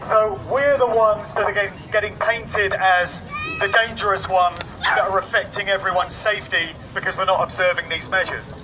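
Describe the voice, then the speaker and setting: A man's voice: high-pitched, steady tone, normal speed. A man from Oxford, giving an impassioned outdoor protest speech through a megaphone, full of rhetorical questions. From England, Oxford. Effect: speaking through a megaphone. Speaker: protest speaker. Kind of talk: rally speech. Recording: distant, muffled rally recording with crowd. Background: crowd and street noise.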